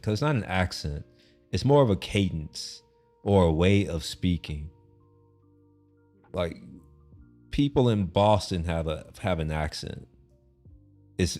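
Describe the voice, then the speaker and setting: A man's voice: low-pitched, darkish tone. A young man from Texas chatting on a livestream in a loose, rambling way, restarting sentences and swearing casually. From Texas, USA. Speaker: streamer. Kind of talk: casual chat.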